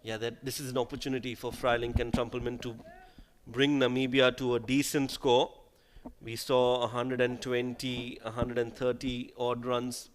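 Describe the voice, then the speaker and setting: A man's voice: medium pitch, little pitch movement, moderate pace. A man giving live cricket commentary in a conversational way, putting questions to his co-commentator.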